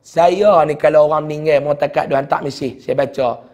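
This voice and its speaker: A middle-aged man with a Kedah Malay accent, a religious teacher telling a heartfelt personal story in a sermon, often sinking to a hushed voice. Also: on the high side, fairly quick. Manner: heartfelt storytelling, dropping to a hushed voice at sad moments.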